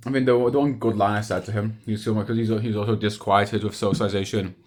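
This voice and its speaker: A man's voice: on the low side, steady tone, quick pace. A young adult man talking casually in a rambling, hesitant monologue, repeating himself and letting thoughts trail off. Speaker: video diarist.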